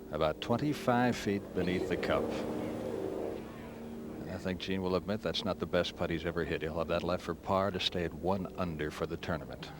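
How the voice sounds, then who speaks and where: A man's voice: deep voice, normal speed. A man giving understated golf commentary in brief, spaced phrases on an old outdoor television broadcast. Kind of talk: live golf tournament commentary. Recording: noisy 1970s outdoor TV broadcast.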